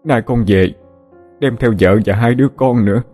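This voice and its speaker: A man's voice: medium pitch, moderate pace, darkish tone, faint music behind, close to an everyday voice. A man voicing a grown son who returns home after decades, speaking in a choked, sobbing, pleading way. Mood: earnest. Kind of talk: audiobook character voice.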